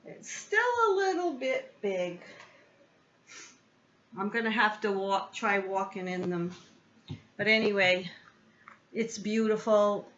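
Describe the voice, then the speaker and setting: Slow, chatty woman unboxing. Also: mid-range voice, fairly bright tone. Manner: chatty, unhurried, thinks aloud with ums. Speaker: vlogger. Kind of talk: casual unboxing chat. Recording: slightly muffled with faint noise.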